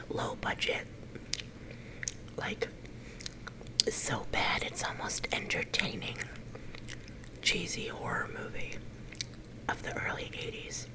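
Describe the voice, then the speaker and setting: A middle-aged woman leaning in to whisper a casual, unhurried ASMR chat, her whisper a little growly at times. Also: poor audio. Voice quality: whisper that turns slightly growly. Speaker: ASMR video creator.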